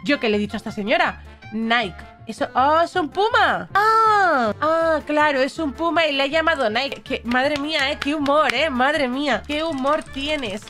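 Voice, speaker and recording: A young woman from Spain with a Spanish accent, commenting a game on her channel in an animated, sarcastic, playfully dramatic way. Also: sits high, normal speed, soft background music. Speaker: gaming youtuber. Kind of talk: casual gameplay commentary.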